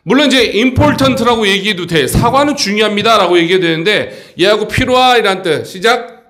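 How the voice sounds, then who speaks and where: A male English tutor giving an exam-prep grammar lesson in a high voice. His pitch swings widely as he talks, and he keeps checking in with the students. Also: expressive, fairly quick, a bit bright.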